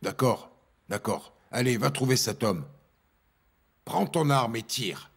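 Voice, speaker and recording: A worried middle-aged father who pleads and insists, his husky, gravelly voice swinging high and low. Soft music sits behind this dubbed TV drama dialogue. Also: expressive, takes it slowly, full character voice. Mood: pleading. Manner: pleading, insistent, repeating commands.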